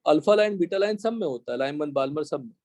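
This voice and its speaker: A man's voice: a little high, lively intonation, a little mellow, no room sound. A young man with an Indian accent teaching a live chemistry class, explaining step by step and often checking whether the class is following. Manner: dictates slowly in English.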